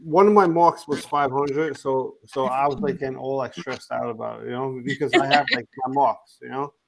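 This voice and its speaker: A middle-aged man from Queens, co-hosting a casual live chat, halting and restarting his sentences with many fillers. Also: mid-range voice, fairly even intonation, vocal fry, poor audio. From Queens, New York. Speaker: co-host.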